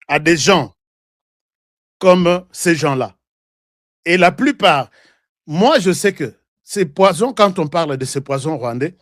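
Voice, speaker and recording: A man with a Congolese French accent hosts a live online show, delivering heated, rambling political commentary and switching between languages. His voice is a little high, and the sound is clean studio audio with no echo.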